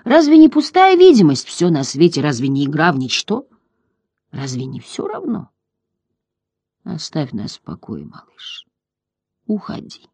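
An ancient giant female turtle from a storybook, voiced by a reader, speaks in a hoarse, gurgling drawl. Her words come slowly and often fade into breathy whispers. The recording is dry and close, with no room sound. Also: medium pitch, huge pitch swings, a little mellow, dry recording, heavily acted. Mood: weary, indifferent. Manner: slow, drawling, fading to whispers. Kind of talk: audiobook character voice.

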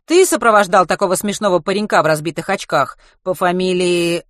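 A woman's voice: on the low side, fairly quick, no room sound, studio quality, lightly acted. Woman doing a brusque greying doctor. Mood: brisk. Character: brusque, greying middle-aged male doctor.

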